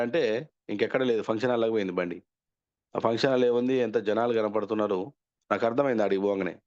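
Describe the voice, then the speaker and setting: Man, low voice, talks fast and rambles, dull lo-fi recording. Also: a little mellow. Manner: chatty, rambling, self-correcting. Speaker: speaker sharing success story. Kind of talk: casual storytelling. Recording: dull lo-fi audio.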